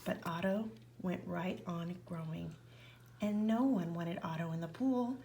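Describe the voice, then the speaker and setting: A woman reading a children's picture book aloud, with expressive narration that often drops to a whisper. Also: lowish voice, unhurried, creaky, very noisy. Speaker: reader.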